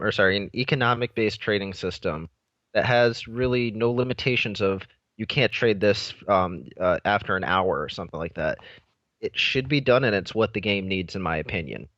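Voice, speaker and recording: A young man co-hosting a gaming podcast, giving firm opinions in a casual, halting way. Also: fairly low pitch, a bit bright, no room sound. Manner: opinionated, many fillers and restarts. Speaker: podcast co-host. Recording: dull dry lo-fi mic.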